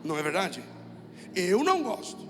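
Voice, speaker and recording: Over music in a big-sounding church hall, a high-pitched man with a Brazilian Portuguese accent delivers a sermon as pastor at a moderate pace, his pitch swooping wildly. He preaches emphatically and repetitively and calls on the congregation to repeat after him.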